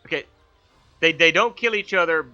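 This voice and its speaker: This gaming channel host chats at a moderate pace through a casual let's-play, his sharp voice pitched on the high side. He rambles and keeps stumbling into restarts mid-sentence. The audio comes from a headset gaming mic and sounds dull and lo-fi.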